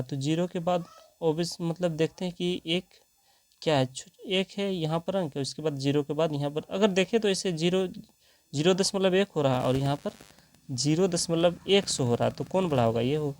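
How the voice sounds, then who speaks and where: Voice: medium pitch, normal speed, darkish tone, no room sound. A math teacher, working through problems step by step and asking rhetorical questions along the way.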